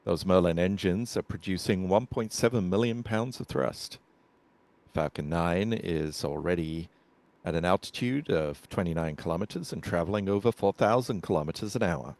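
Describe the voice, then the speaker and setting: A man giving measured, explanatory live commentary on a launch as a webcast commentator. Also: deep voice, a little mellow.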